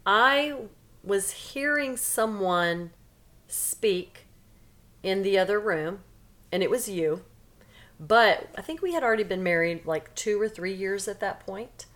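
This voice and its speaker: A woman's voice: mid-range voice, lively intonation, takes it slowly, fairly bright tone. Frank, chatty woman podcaster. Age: 50s. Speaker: podcast co-host. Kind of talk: casual chat.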